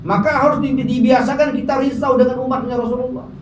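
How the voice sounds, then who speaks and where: A man's voice: very high voice, little pitch movement, quick pace. A man preaching a colloquial sermon to a gathering, often addressing the crowd directly, recorded from a distance in an echoing hall. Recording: echoey hall, distant mic, faint noise.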